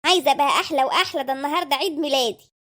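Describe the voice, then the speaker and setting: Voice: high-pitched, rapid-fire, pushed and bright. A performer voicing a spoiled, demanding Egyptian housewife who talks in a whiny, coaxing way.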